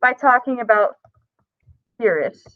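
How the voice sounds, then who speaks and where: A woman leads a live classroom lesson, walking students through the work in a casual, chatty way. Her voice sits fairly high. The sound is dry and tinny, like a phone line. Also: animated, a little slow, dry recording. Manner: casual, chatty, explains step by step. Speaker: teacher.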